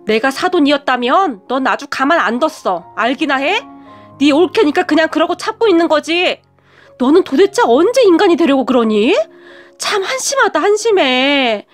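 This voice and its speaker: A woman's voice: fairly high pitch, normal speed, soft background music, close to an everyday voice. Woman doing a blunt older mother-in-law. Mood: scolding. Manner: blunt, scolding. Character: blunt older mother-in-law, sharp-tongued but fair.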